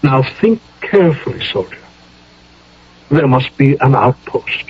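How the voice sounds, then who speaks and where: An actor playing a stern, commanding American general in a radio drama, speaking with formal authority and a husky voice. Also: male voice, medium pitch, expressive, a little slow. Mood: probing. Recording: dull old radio broadcast recording.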